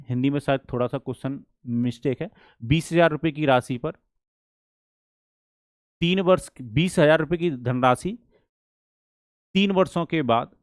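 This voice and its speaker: A man teaching a maths lesson for exam prep. He asks the class questions and answers them himself, and he reads problems slowly and deliberately. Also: mid-range voice, no room sound, clean studio sound.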